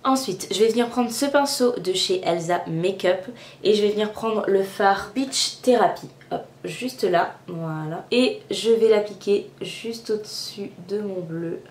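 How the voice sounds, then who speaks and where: A woman's voice: medium pitch, unhurried, a little mellow, roomy sound. A young woman casually narrating a makeup tutorial step by step at home, chatty, with frequent fillers. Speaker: beauty vlogger. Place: room at home.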